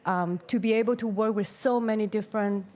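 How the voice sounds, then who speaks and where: A woman speaks as a guest on a live radio session, casually recounting her career as a dancer. She tells it as a lively story and acts out what people said to her. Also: medium pitch, fairly quick. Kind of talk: casual interview talk.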